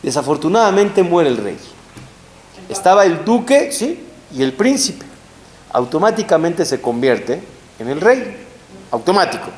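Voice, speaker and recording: A male rabbi delivers a sermon to a live audience with a lively, swinging delivery that climbs high when he stresses a point. He keeps asking rhetorical questions and answers them himself. The room sounds echoey, with a faint hiss underneath. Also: unhurried. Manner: animated, rising emphatic storytelling with rhetorical questions. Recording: roomy hall with faint hiss.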